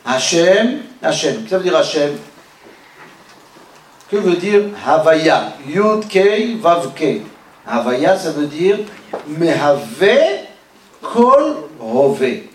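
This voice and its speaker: Man, fairly high voice, teaching class, teasing questions, echoey hall, distant mic. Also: drawn-out words, pauses often. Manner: animated, questions and teases listeners, swings from loud calls to low murmurs. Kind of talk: religious lesson. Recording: echoey room, voice from far off.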